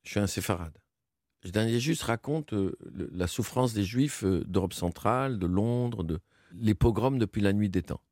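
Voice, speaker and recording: Low-voiced man telling his story haltingly. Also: darkish tone, no echo, studio quality. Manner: halting, moved storytelling with fillers. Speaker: interview guest, performer. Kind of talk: radio interview.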